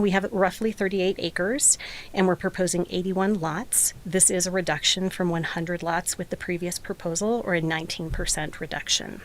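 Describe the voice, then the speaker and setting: A woman with a slightly hoarse voice on the low side gives a prepared presentation at a public meeting. She speaks formally, as the applicant for a development.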